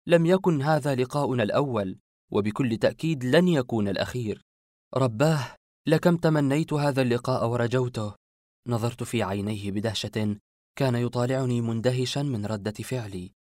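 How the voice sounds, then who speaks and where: A man's voice: mid-range voice, darkish tone, no echo, studio quality. Man narrating a dramatic story.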